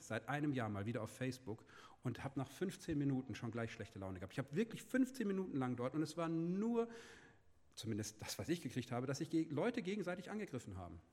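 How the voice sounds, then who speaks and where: A man giving a sermon, asking his listeners questions and dropping to a soft, hushed voice when he speaks God's words. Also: medium pitch, in a large hall. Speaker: preacher.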